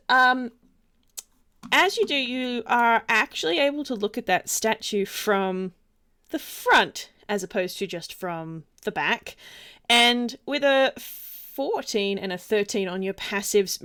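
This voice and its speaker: Female game master, giggly and informal, higher voice, leisurely tabletop narration. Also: animated, takes it slowly, fairly bright tone, clean tone.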